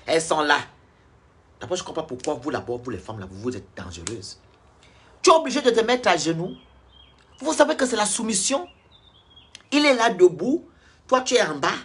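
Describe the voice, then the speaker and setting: A man's voice: a little high, a bit bright, slightly rough. A man delivering a blunt, preachy rant in a social-media vlog, lecturing his viewers directly. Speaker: online commentator.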